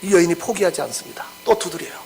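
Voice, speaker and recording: A man's voice: high-pitched, quick pace, darkish tone, a little hiss or hum, rough recording. A pastor preaching an expository sermon. He acts out the scripture quotes and keeps asking the congregation questions.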